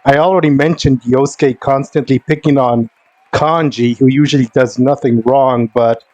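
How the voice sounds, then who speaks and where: A man's voice: medium pitch, fairly even intonation, moderate pace, a little mellow, no room sound. Man, game streamer, casual commentary, sardonic, exasperated, sweary, dry close mic. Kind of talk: casual commentary over gameplay.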